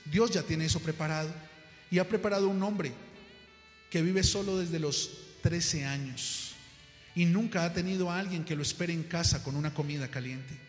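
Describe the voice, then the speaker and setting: A man voicing a calm otherworldly messenger. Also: on the high side, moderate pace, pitched below the performer's own voice, natural voice. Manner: calm, reassuring. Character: calm male messenger come to take a soul. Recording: echoey hall with faint music.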